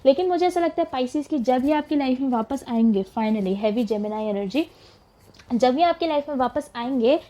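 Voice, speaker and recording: A young woman reads tarot cards in a chatty, casual way, slipping English words in as she goes. Her voice sits a little high but sounds mellow and soft-edged. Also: lively intonation, moderate pace. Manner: chatty, mixes English words into Hindi, laughs as she talks. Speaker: tarot reader. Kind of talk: casual tarot reading for viewers.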